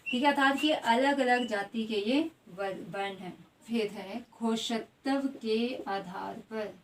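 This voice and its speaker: A woman with a fairly high voice teaches an exam grammar lesson. She keeps checking in with the class and drags out each vowel as she lists them. She sits a little back from the microphone. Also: a little hiss or hum. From India. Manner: repeats "ठीक है" constantly, spells out vowels slowly. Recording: voice at a distance from the mic.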